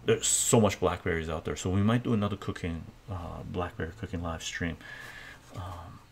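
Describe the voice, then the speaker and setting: An older man streaming live from his home kitchen, talking in a soft-spoken, relaxed way, reading viewer comments aloud and often ending with "right?". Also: low-pitched, moderate pace, creaky, a little hiss or hum. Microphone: webcam framing at the counter.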